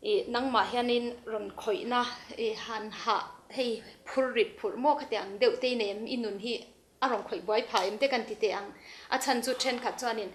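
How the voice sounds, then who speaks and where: A woman's voice: on the high side, roomy sound, a little hiss or hum. A woman hosting a faith talk show, interviewing a guest attentively and often murmuring agreement. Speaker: host.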